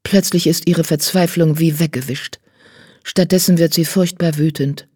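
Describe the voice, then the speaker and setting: A woman narrating a children's audiobook in a clear storytelling manner. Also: low-pitched, steady tone, normal speed, a little mellow, no room sound, studio quality.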